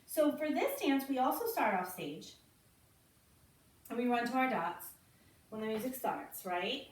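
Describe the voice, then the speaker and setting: Slow, encouraging ballet teacher in a roomy space. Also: female voice, on the high side, very animated. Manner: slow, encouraging, counts and names steps while demonstrating. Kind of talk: online kids' ballet class instruction. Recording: roomy, from a distance, faint noise.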